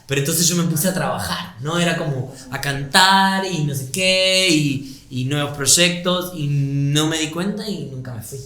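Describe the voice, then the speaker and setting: Argentine man with a softened accent. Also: a little high, measured pace, hardly any pauses, roomy sound. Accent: Argentine Spanish softened by Yucatán. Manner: animated storyteller, laughs through anecdotes. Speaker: guest. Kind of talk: casual interview chat.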